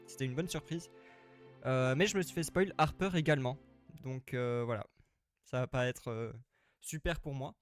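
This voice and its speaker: Male streamer, a touch high-pitched, rambling casual commentary, slightly tired, faint game music behind. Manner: chatty, rambling, repeats himself. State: a little tired. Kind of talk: casual live let's-play commentary.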